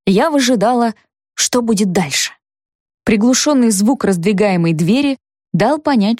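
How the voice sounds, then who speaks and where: Female audiobook narrator, mid-pitched, dry booth sound. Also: darkish tone, no echo. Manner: measured storytelling, first person. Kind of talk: scripted narration of a detective novel.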